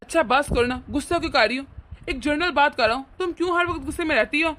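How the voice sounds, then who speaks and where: A woman voicing a mild-mannered husband in an animated cartoon, speaking in a placating, reasonable way. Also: sits high, fast talker, slight background noise.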